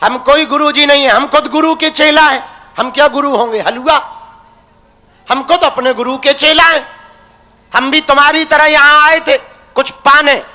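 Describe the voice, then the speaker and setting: Long hall reverb surrounds a young preacher whose very high, pushed, bright voice holds a steady tone at normal speed. His devotional sermon is folksy and teasing, and he addresses his listeners as his crazy ones.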